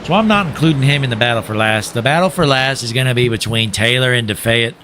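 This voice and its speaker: A man's voice: medium pitch, fast talker, sharp tone, slight background noise. A young man giving folksy play-by-play commentary on a sim race, joking and calling to "folks", while losing his voice.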